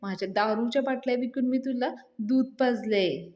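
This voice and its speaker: A woman's voice: on the high side, normal speed, a little mellow, close to an everyday voice. Woman retelling as a melodramatic old drinker. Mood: coaxing. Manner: melodramatic, coaxing. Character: old ailing man who begs for liquor.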